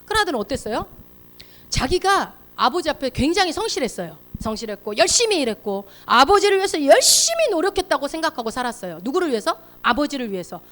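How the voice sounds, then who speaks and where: Woman pastor, church sermon, high and very expressive, storyteller who quizzes the congregation. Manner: animated storytelling, asks the congregation questions.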